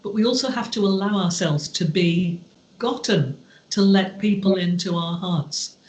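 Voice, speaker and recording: Slow, heartfelt woman in a roomy space. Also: mid-range voice, darkish tone. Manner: slow, deliberate, heartfelt delivery. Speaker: podcast guest. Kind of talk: reflective storytelling in conversation. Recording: roomy echo.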